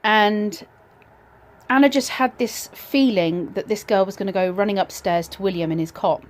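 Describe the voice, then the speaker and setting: A woman's voice: medium pitch, moderate pace, a little hiss or hum. Woman telling a personal story, hesitant and reflective. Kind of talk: personal ghost story told casually.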